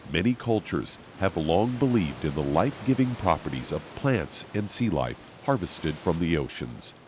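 A man's voice: deep voice, big pitch swings, moderate pace, darkish tone, slight background noise. A male radio announcer giving a polished, scripted promotional read.

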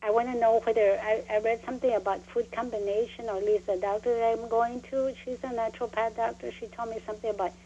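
A woman calling in to a radio talk show over a phone line, talking in a halting, rambling way with many fillers. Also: a little high, steady tone, warm tone. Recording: muffled phone line with faint noise.

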